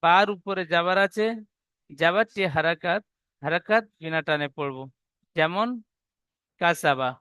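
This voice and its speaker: A man teaching Arabic reading in an online class, spelling letters slowly and drawn out, then explaining briskly. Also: a little high, pushed and bright, smooth, dry recording.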